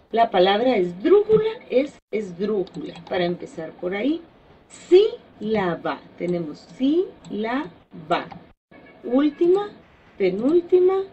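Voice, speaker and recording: A woman teaching a slide-based spelling lesson, slow and deliberate, drawing out example words and stressing each syllable. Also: a little high, darkish tone, dull audio, a little hiss or hum.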